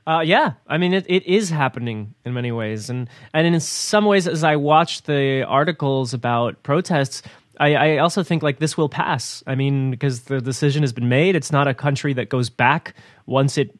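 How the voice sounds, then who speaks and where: A man's voice: mid-range voice, moderate pace, no echo, clean studio sound. A man co-hosting a news talk program, rambling casually with repeated words and easy laughs.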